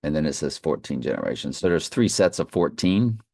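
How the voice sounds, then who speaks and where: A man's voice: a bass voice, animated, brisk, gravelly, darkish tone, dry recording, clean studio sound. A man leading an informal Bible study, reading and commenting off the cuff, slightly slurring because half his mouth is numb from the dentist. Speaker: online Bible study host.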